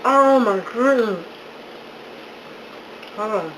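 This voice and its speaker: A woman with a high voice talks slowly and unhurriedly, gushing with delight between bites as she tastes her own cooking. She chats through mouthfuls at home, with a faint hiss of background noise in the recording. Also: expressive, poor audio. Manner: talking with her mouth full while chewing. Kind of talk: casual talk while tasting food.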